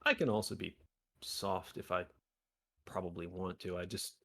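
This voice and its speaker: A man with a very deep, husky voice chats as a guest on a stream. He leans into a mocking, theatrical delivery, as if he were narrating a tabletop game. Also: fairly even intonation, moderate pace, pushed and bright. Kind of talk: casual chat.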